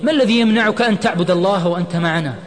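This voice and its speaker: A man narrator voicing an angry, reckless young man who shouts and pleads in a dramatic audio story. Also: a little high, big pitch swings, very fast, long reverb tail, voice pushed up. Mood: shouting. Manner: shouting, agitated.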